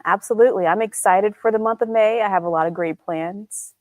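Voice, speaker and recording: A woman's voice: medium pitch, brisk, no room sound. A woman co-hosting a local morning talk show, upbeat and agreeable, often laughing along with her partner. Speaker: co-host. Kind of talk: casual chat.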